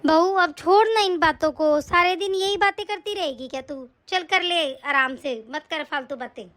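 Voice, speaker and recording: A woman's voice: very high-pitched, normal speed, fairly bright tone. A woman voicing a nagging middle-aged mother-in-law in a cartoon story, scolding and then soothing her daughters-in-law. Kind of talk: cartoon voice acting.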